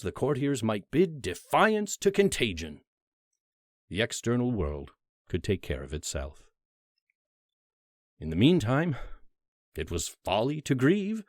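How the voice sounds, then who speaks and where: A man narrates a classic horror story as a dramatic literary audiobook, using theatrical, deliberate phrasing and emphatic pauses. His mid-range voice is recorded with studio quality and no room sound.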